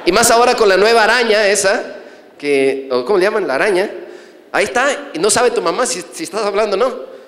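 Middle-aged priest preaching, questions the crowd; bright high voice, echoey room. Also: male voice, expressive, a little fast. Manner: storytelling, asks the audience questions. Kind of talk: sermon. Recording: echoey hall from a distance.

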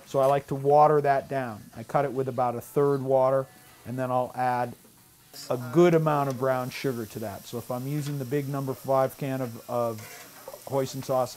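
A middle-aged man from Hawaii, United States, a chef and restaurant owner, presents casually to camera in a mid-range, slightly mellow voice with an American accent. The setting is an outdoor open yard and covered grill deck, and he's recorded on a lapel microphone.

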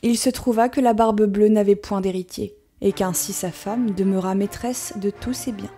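Woman narrating a fairy tale over music. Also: medium pitch. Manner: measured, expressive reading.

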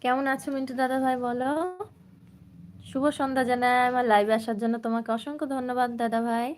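A young woman with a sore throat hosts a casual live stream, greeting each viewer by name. Her voice sits a little high. Her talk is chatty and friendly. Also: level tone, fast talker. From West Bengal, India.

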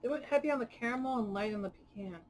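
A woman's voice: a little high, rapid-fire, slight background noise, rough recording. A young woman vlogger giving blunt, opinionated verdicts in a casual taste test while chewing candy. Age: young adult.

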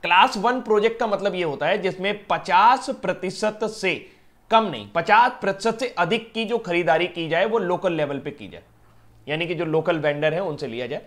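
A man's voice: sits high, normal speed, a bit bright. Chatty man teaching current affairs. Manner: chatty, teasing, addresses students as yaar and beta. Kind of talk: casual Hindi lecture to students.

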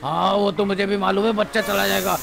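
A man voicing a gruff, bossy criminal in a game role-play. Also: sits high, flat delivery, brisk, a bit bright, heavily acted.

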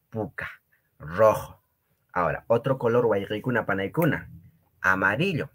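A man's voice: lowish voice, expressive, fairly bright tone, slight background noise. A man teaching a Quechua lesson, patiently repeating each word and checking in with his students. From Peru. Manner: patient, repeats words slowly, often asks "¿ya?" and "¿no ve?". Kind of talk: online language lesson.

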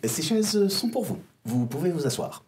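A man's voice: a little high, sing-song, moderate pace, darkish tone, pitched above the performer's own voice. A man doing a clangy, metallic robot voice. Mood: formal. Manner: stiff, formal courtesy. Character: formal humanoid service robot, faceless, stiffly polite. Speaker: game master. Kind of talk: voicing a figure in a tabletop game.

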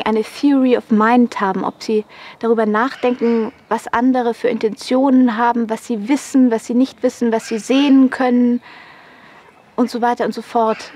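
A young woman explains research in an interview. Her voice is on the higher side. She is recorded outdoors with some faint ambient noise. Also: a little mellow. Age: young adult. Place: outdoors by an aviary.

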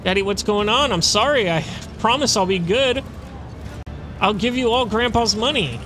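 A man's voice: high voice, expressive, moderate pace, bright, forceful tone, slight background noise, voice pushed up. A man voicing a frightened, pleading young daughter from a video game. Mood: scared pleading.

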